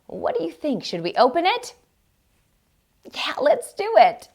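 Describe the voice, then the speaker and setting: A high-voiced woman reads a picture book aloud at a measured pace, her pitch swooping wildly and her tone a little mellow. She hosts a children's storytime, reading expressively and asking her young viewers questions.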